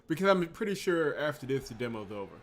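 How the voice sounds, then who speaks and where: A man hosts a visual novel playthrough channel, giving casual gameplay commentary in an exasperated, grumbling manner. His medium-pitched voice is sing-song and fast, with slight background noise.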